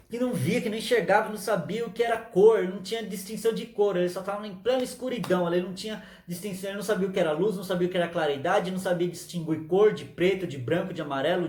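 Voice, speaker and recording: A man's voice: high voice, a little mellow, echoey room. A man preaching a sermon, retelling a story with emphatic repetition and calls of aleluia.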